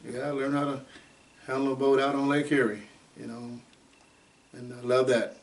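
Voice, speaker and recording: A man in his eighties from Ohio, telling his life story in an oral history interview at an unhurried, rambling pace with many fillers. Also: medium pitch, little pitch movement. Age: 80s. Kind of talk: unscripted life-story reminiscing. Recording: distant mic with faint background noise.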